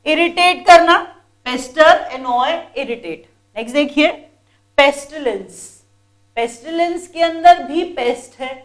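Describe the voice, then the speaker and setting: High-voiced woman drilling vocabulary. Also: unhurried. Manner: repetitive, drilling words, addresses students as children. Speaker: teacher. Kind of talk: vocabulary lesson for exam students.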